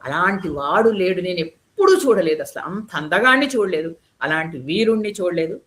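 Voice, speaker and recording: A woman's voice: lowish voice, lively intonation, normal speed, close to an everyday voice. A woman voicing a frightened male demon messenger who reports a battle in urgent, awed tones.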